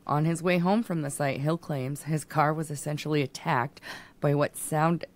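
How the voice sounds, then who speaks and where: A woman with a very low voice reads a news story to her co-hosts. She stumbles, restarts and giggles as she goes. The tone is casual podcast chat. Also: fairly even intonation, normal speed. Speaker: podcast co-host.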